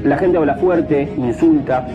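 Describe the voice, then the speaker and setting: A man's voice: on the high side, unhurried. Man making an in-flight cabin announcement. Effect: in-flight cabin announcement over the plane's speaker. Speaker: airline crew announcer. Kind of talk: scripted announcement. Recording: dull lo-fi recording with music behind.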